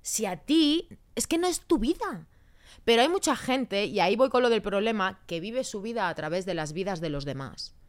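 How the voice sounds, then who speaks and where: An expressive woman talks on a podcast. She is emphatic and blunt, with frank swearing, and her voice sits at an ordinary middle pitch. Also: moderate pace. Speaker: guest. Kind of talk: casual podcast chat.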